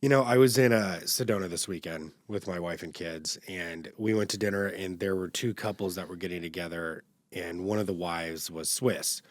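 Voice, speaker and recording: A young man hosting a podcast, telling a personal story in a relaxed, conversational way. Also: sits low, normal speed, hardly any pauses, no echo. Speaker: podcast host. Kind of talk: casual conversational interview.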